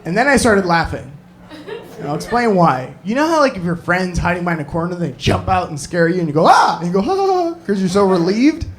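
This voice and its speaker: A man's voice: high voice, quick pace. Guy doing stand-up, voice jumps all over, noisy club recording, handheld mic. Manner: animated, building to shouted punchlines. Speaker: stand-up comedian. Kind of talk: stand-up storytelling.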